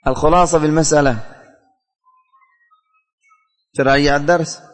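A man's voice: fairly high pitch, steady tone, moderate pace, faint music behind. Man teaching a class in a big hall. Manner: calls on students by name and repeats questions. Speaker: teacher quizzing students. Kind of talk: classroom theology lesson, questioning students.

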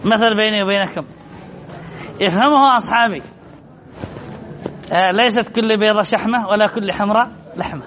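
A man's voice: high-pitched, brisk, long pauses, fairly bright tone. A man teaching a grammar class, asking his students questions and answering them himself, often repeating key words. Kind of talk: classroom lesson on Arabic grammar. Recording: dull lo-fi recording with faint noise.

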